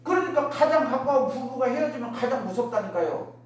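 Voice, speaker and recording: A woman's voice: high-pitched, lively intonation, a little fast, distant mic. A woman minister giving a dharma talk to her congregation, often asking them rhetorical questions and acting out everyday remarks. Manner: acts out everyday remarks in other voices. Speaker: Won Buddhist minister. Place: worship hall. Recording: echoey hall, miked from afar, faint noise.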